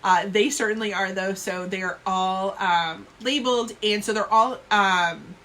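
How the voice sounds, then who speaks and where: Jersey lady in her 30s rambling on a home live stream, bright voice, webcam mic. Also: mid-range voice, measured pace. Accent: New Jersey. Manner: chatty, rambling, self-deprecating. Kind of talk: casual live-stream chat.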